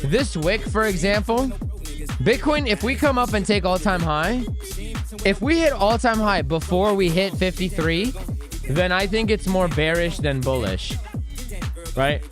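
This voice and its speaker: A young man hosts a casual crypto trading livestream, joking with chat, rambling and breaking into song, his voice a little worn and slightly lost. It sits high with lively intonation, and he speaks a little slowly over background music.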